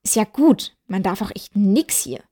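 A woman voicing a cheeky, sulky male Easter bunny who talks in slang and turns shrill when he is upset. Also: lively intonation, a little slow, warm tone.

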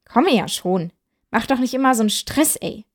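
A woman voicing a cheeky, sulky male Easter bunny who talks in slang and turns shrill when he is upset. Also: expressive, normal speed.

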